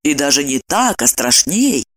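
A woman's voice: low-pitched, very animated, measured pace. Woman narrating an audiobook. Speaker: audiobook reader. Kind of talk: scripted narration.

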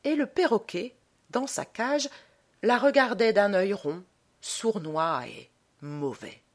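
Husky woman narrating a story dramatically. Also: mid-range voice. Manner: measured, dramatic. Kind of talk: scripted narration of a short story.

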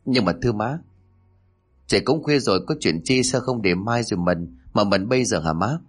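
A man voicing a gentle young husband who pleads politely with his mother. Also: lowish voice, lively intonation, normal speed, slightly rough, soft background music. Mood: pleading.

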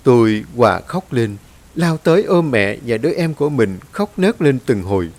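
A man reading a horror story aloud in a dramatic, expressive way. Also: mid-range voice, moderate pace. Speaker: story narrator. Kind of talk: scripted horror story narration.

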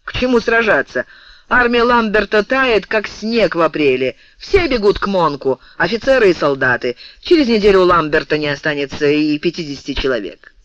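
A man reads as a blunt old sailor who scoffs and talks fast and high. His voice rises and falls a lot. The audio is dull and dry. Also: expressive, fairly bright tone, dry recording. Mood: scornful.

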